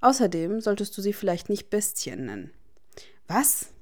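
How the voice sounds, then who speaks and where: A woman voicing a guarded, sharp-tongued teenage wizard boy with a dry, teasing manner. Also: mid-range voice, big pitch swings, normal speed, close to an everyday voice.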